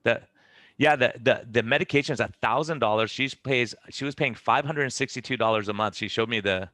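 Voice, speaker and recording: A middle-aged man, a physician, talking as a podcast guest. He tells energetic stories and acts out what his patients say. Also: medium pitch, fairly quick, no echo, clean studio sound. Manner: energetic storyteller who acts out patients' lines. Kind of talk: podcast conversation.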